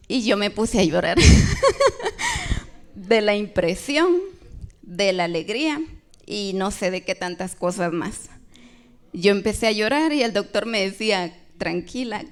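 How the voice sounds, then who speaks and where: A woman giving a personal faith testimony at a church women's event, telling her story and acting out the quoted dialogue, often tagging her phrases with a questioning "right?". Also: medium pitch.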